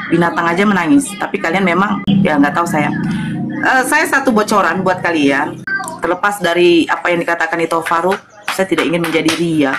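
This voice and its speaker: A woman, a convert addressing her followers in an earnest, preachy live-stream talk and scolding her critics. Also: on the low side.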